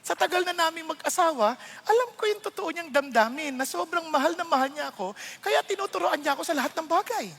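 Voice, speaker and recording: A male pastor delivers a lively, playful sermon in a high, bright voice. He acts out squabbles to make his point. His words ring out under the long reverb of a big hall. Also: fast, gravelly. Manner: lively, playful, mixing English into preaching, acting out quarrels.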